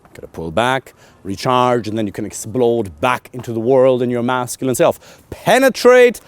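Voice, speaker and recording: A man in his thirties coaching men on dating, blunt and animated, swearing casually and pushing hard on his key points. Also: moderate pace, no echo. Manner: animated and emphatic, swings loud and high on key points. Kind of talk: coaching monologue to camera.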